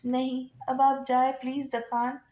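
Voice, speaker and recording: Lady doing a timid scared young wife, begging softly, echoey room, from a novel. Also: sits high, completely flat delivery, lightly acted. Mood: pleading. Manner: pleading, nervous.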